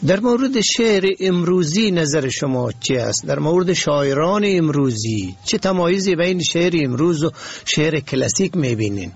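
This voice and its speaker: Gravelly Afghan Dari radio interviewer, husky voice. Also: male voice, on the high side, sing-song. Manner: polite and formal, with frequent short agreements. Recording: muffled radio broadcast.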